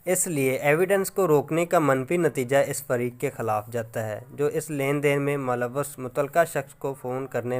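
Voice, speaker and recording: Speaking as a law lecturer, this man reads from a prepared script with a Pakistani accent. His pitch sits in the middle range, his delivery is careful and formal, and English legal terms are sprinkled throughout.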